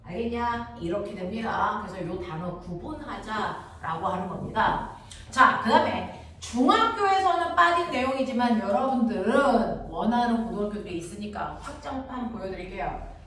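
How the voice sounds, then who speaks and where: A woman's voice: medium pitch, animated, fairly bright tone. Echoey, distant woman teaching physics. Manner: constantly checks understanding with quick questions. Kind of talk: classroom lecture. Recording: very echoey room, distant mic, audible noise.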